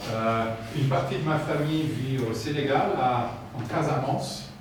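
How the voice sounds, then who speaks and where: A French man with a medium-pitched voice gives a formal talk, pausing to allow for interpretation. He speaks slowly and hesitantly with "euh" fillers, captured from far off in an echoey, noisy hall.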